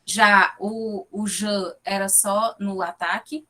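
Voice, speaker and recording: A woman with a Fortaleza accent delivers an academic research talk over a video call. Her tone is explanatory and patient, and she checks in with her listeners after nearly every point. Her voice sits at an ordinary middle pitch for a woman. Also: fairly even intonation, takes it slowly, sharp tone. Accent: Fortaleza, Ceará. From Fortaleza, Brazil. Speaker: guest lecturer, linguistics researcher.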